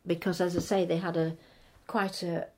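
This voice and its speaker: Older english-born lady, husky and a bit low, chatting about old times, keeps rambling and restarting. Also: flat delivery, moderate pace, darkish tone. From England. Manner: hesitant, rambling, circles back to rephrase. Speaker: interviewee recalling local history. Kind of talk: casual reminiscing conversation.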